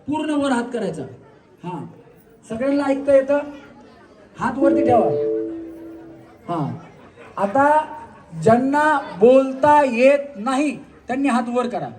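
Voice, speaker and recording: A man hosting a live stage game, joking and coaxing the players with quick instructions. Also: extremely high pitch, a little mellow. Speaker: game show host. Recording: distant mic with crowd behind.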